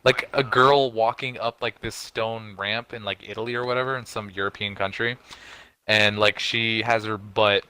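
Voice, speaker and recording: Young man, podcast co-host, casual chat, swearing, bright tone, smooth voice. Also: moderate pace, poor audio. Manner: animated, swears a lot, jumps up in pitch when exasperated.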